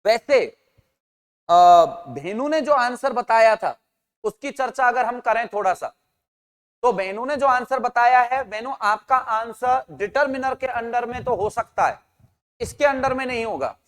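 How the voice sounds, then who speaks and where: A man's voice: extremely high pitch, unhurried. Man teaching grammar in a reverberant room. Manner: asks questions and answers them himself; calls out student names and answers. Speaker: English teacher. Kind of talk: online grammar lesson.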